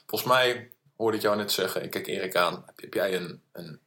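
A man co-hosting a casual podcast, announcing segments with hesitant pauses and fillers. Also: sits low, pushed and bright. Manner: hesitant, many filler pauses while moderating. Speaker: podcast co-host leading segments.

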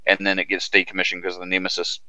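A man's voice: deep voice, monotone, rapid-fire, bright, forceful tone, no echo. A man chatting casually as a panellist, on a noisy recording with clicks. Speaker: podcast panellist. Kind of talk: casual chat. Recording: clearly noisy line with clicks.

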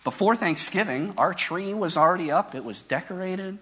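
A man's voice: high voice, expressive, moderate pace, a bit bright, slightly rough. A male pastor giving a conversational, reflective sermon, asking his congregation rhetorical questions.

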